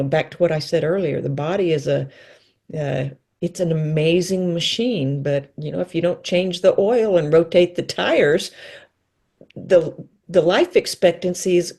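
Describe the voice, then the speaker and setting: A woman in her sixties, a guest in a casual interview, telling stories and acting out quoted lines with big jumps in her voice. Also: vocal fry. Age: 60s. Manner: lively storyteller, acts out quotes with pitch leaps.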